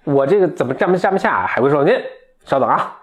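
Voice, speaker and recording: Guy telling an old folk tale to a friend, relaxed and chatty, does little voices for the characters. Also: a little high, quick pace, narrow, tinny audio. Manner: chatty, voices the characters lightly, laughs at the story. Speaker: storyteller. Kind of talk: casual retelling of a folk tale.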